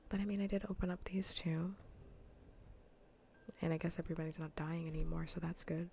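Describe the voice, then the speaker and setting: A female game streamer speaks into a close ASMR microphone, keeping her low, warm voice steady and fairly quick while it goes breathy, gravelly with creaky fry, and often drops to a whisper. Her casual, rambling livestream chat loops back on repeated phrases, with faint noise in the background.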